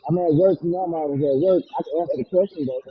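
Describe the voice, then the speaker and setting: A man's voice: fairly high pitch, quick pace, husky. A man calling in from work, his voice muffled as if through a wall, answering briefly and offhand. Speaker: caller. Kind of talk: casual chat. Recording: muffled phone-like call, far from mic.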